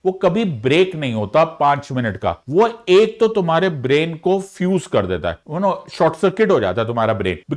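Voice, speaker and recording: A man coaching exam students, giving direct, earnest study advice and talking to the viewer like a friend. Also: a little high. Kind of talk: motivational study advice in mixed Hindi and English.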